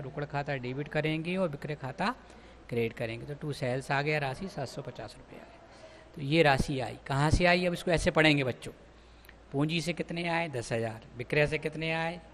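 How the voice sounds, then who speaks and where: A man with a slightly high voice teaches an accountancy class in speech. He walks his students through each entry step by step, calling them children, over a faint hum of room noise. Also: creaky. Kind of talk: classroom lecture.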